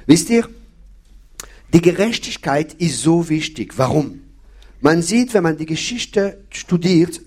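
Husky man preaching with emphatic repetition. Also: a little high, a little mellow. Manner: emphatic, repeating key phrases, addressing the audience with questions. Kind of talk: sermon.

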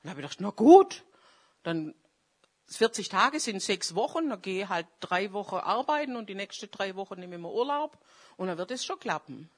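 A woman's voice: medium pitch, very animated, normal speed. A woman preacher, giving a fervent charismatic sermon and praying aloud. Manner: fervent, swings between loud calls and quiet confession; prays aloud mid-sermon.

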